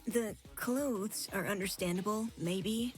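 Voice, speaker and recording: A woman's voice: mid-range voice, takes it slowly, soft background music, close to an everyday voice. A woman voicing a fussy, easily disgusted young female student who reasons things out. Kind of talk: game voice acting.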